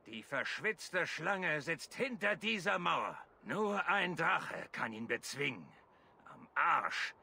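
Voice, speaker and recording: A man's voice: fairly high pitch, sing-song, slow pace, sharp tone, husky, exaggerated voice. A man voicing a boastful, brutal Viking warlord who tells crude war stories in a German game dub. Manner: swaggering, crude storyteller.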